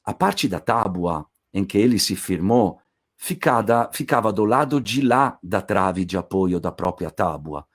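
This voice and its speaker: Animated male storyteller. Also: fairly low pitch, unhurried. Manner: animated, playful, with restarts. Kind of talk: casual oral retelling of a classic tale.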